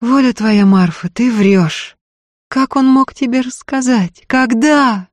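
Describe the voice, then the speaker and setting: A shaken young gentlewoman, as a female reader voices her, raised in pitch above the reader's own voice. She speaks in halting, incredulous questions. The recording is close and dry. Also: no room sound. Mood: doubting. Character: young genteel lady, shaken and tense.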